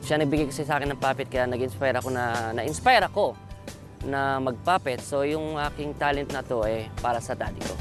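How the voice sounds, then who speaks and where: A man's voice: mid-range voice, a little fast, music in the background. A man from Bulacan, a talent show contestant, telling his story earnestly in a casual interview. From Bulacan, Philippines.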